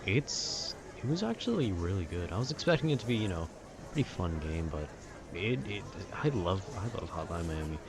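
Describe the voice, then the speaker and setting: City ambience and general noise surround this man as he talks about video games in a laid-back, slang-heavy ramble. His low voice moves briskly with a sing-song lilt, in the manner of an amateur host.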